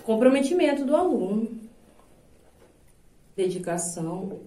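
A Brazilian woman in her thirties, a singer and voice teacher, chats casually in an interview, speaking earnestly and reflectively with plenty of filler tags. Her voice sits a little high and is very animated, a little slow, and warm, with a Brazilian Portuguese accent. A distant mic gives the recording a roomy sound.

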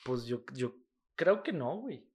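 A man's voice: medium pitch, very animated, unhurried. A young man with a Mexican accent, chatting casually and bluntly, full of slang and swearing. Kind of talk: casual chat.

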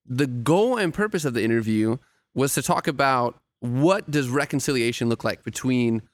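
A young man talking as an interviewer on a casual podcast, earnest and thoughtful, with halting phrasing. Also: mid-range voice, lively intonation, dry recording, studio quality. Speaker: writer and interviewer, podcast guest.

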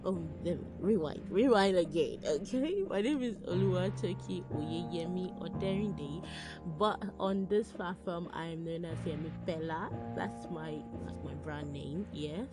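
A woman with a Nigerian accent chatting spontaneously as a solo podcast host, animated and repeating phrases for emphasis. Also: fairly low pitch, measured pace. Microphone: phone. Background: music.

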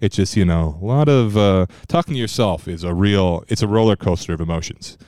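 Deep-voiced man rambling solo. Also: a little fast, no echo. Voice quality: strong loud voice, at times monotone. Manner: rambling, loose and profane, many fillers. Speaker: podcast host. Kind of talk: casual solo podcast chat. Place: room at home.

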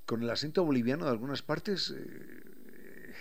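A man with an Ecuadorian highland accent giving a reflective radio talk, explaining things with examples and acting out local turns of phrase. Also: unhurried. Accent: Ecuadorian highland Spanish.

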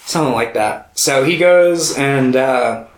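A man co-hosting a podcast in casual chat, retelling a plot loosely with lots of swearing and quick character voices. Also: mid-range voice, echoey room. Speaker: podcast co-host.

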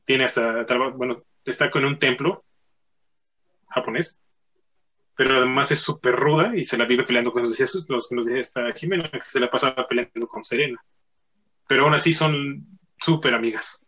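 A man hosts a loose, joking podcast chat. He talks in a bright, forceful voice and fills it with plenty of pauses and fillers. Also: medium pitch, rough recording. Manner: chatty, joking, with many fillers. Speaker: podcast host. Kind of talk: casual chat.

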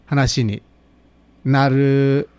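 A man's voice: mid-range voice, steady tone, drawn-out words, a little mellow, clean tone. A man, co-hosting a casual podcast chat, rambling through his speculation with frequent laughs. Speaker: podcast co-host.

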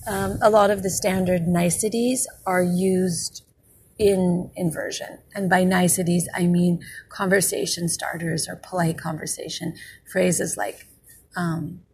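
A woman giving an explanatory language lesson as a teacher, speaking in a halting, think-aloud way and enunciating example phrases carefully and deliberately. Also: level tone, breathy edge. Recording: loud background noise, vehicle-like rumble.

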